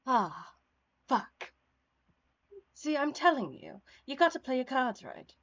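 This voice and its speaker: A woman's voice: sits high, very animated, slow pace, fairly bright tone, muffled recording, full character voice. Australian woman reading as a grumpy teen boy troll. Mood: irritated.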